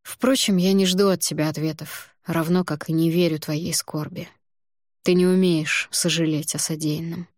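A woman's voice: sits low, fairly even intonation, darkish tone, dry recording, studio quality, close to an everyday voice. Woman reading as a bitter, reproachful man. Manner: cold, measured reproach. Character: male letter writer, bitter, proud and reproachful. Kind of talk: audiobook narration.

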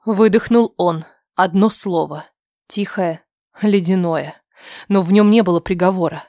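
A woman reading a first-person story aloud with a tense, emotional and often softened delivery. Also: fairly low pitch, unhurried, no echo, studio quality. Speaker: audiobook narrator.

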